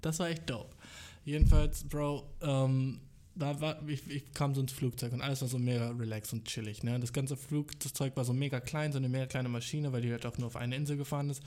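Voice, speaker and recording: A man's voice: mid-range voice, steady tone, brisk, dark tone. A young man telling a rambling, casual story alone indoors, full of fillers and English slang.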